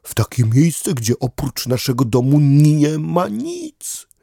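A man doing a slow musing little dog. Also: on the high side, sing-song, vocal fry, dark tone, no echo, studio quality, voice pushed up, exaggerated voice. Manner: slow, pondering. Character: thoughtful male dog, calm and musing. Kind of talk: audiobook character voice.

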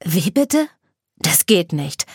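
A soft-spoken teenage vampire boy from a storybook, read by a woman in her own breathy voice, calm and soothing. The sound is close and dry. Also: lowish voice, slow pace, dry recording, exaggerated voice. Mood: gentle. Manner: gentle, soothing.

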